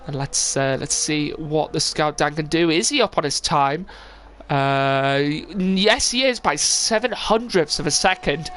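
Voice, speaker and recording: His voice is a little high and fairly bright, moving at a measured pace. The young man, sniffling through a cold, commentates his sim racing stream live in a casual, rambling manner with plenty of fillers.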